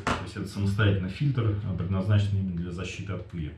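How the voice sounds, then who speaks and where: A man's voice: deep voice, steady tone, quick pace. A man in his forties giving a casual, matter-of-fact product review, explaining things somewhat hesitantly. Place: small home kitchen, indoors. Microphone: camera across the table. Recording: roomy echo, distant mic, faint noise.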